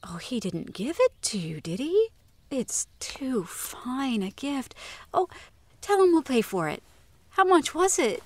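A woman voicing a gentle, caring mother in an audio drama, speaking warmly and tenderly. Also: high voice, big pitch swings, takes it slowly, full character voice. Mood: surprised. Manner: warm and tender.

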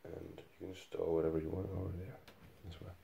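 Low gravelly guy walking you through an apartment, laid back, noisy handheld recording. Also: fairly quick. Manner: relaxed, pointing out features one by one. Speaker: property tour guide. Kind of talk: casual walkthrough tour. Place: furnished apartment indoors.

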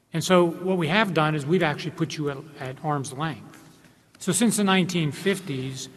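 At a conference panel table, a man in his forties speaks into a table microphone, his voice a little higher than most men's. He explains earnestly, restarting phrases as he goes, while a long hall reverb trails after his panel remarks.

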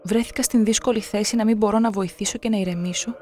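Documentary narrator, scripted reading, measured and solemn, middle pitch. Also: steady tone, mellow, soft background music.

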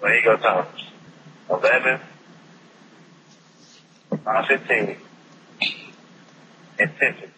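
A man's voice: on the low side, slow pace, pauses often, pushed and bright. A man chatting casually over the phone, teasing and arguing back and forth. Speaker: sibling on a phone call. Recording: very noisy phone call.

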